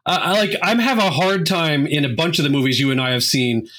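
A man co-hosting a casual movie review podcast, chatty and quick to laugh, with lots of fillers. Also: a little high, a bit bright. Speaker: podcast co-host.

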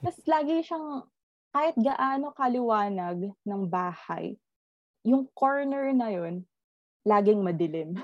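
A woman telling a ghost story in casual chat, animated and laughing often as she tells it. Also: mid-range voice, slow, no echo. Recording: slightly dull lo-fi audio.

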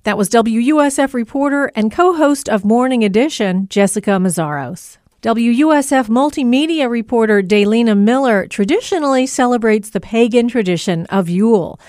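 A woman's voice: a little high, animated, normal speed, few pauses, a little mellow. A woman hosting a podcast, asking curious questions and narrating. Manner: curious, asks many questions. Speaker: podcast host. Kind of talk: interview and narration.

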